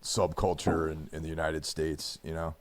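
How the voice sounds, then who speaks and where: A man hosting a podcast in an easygoing, casual way. His voice is very low, and he talks in an unhurried, relaxed manner. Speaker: podcast host. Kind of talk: casual chat.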